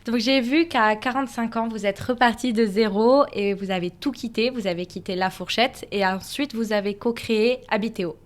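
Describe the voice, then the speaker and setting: A woman's voice: a little high, normal speed, hardly any pauses. A woman interviewer politely asking prepared questions.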